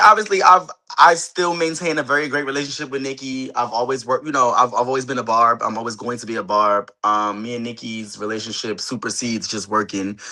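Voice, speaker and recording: This interview guest, a talkative man from Queens and Harlem in New York who later moved to Delaware, works as a celebrity stylist and appears on a reality show. In a casual chat over a phone on a video call, he's emphatic and repeats himself. His medium-pitched voice sounds pushed and bright.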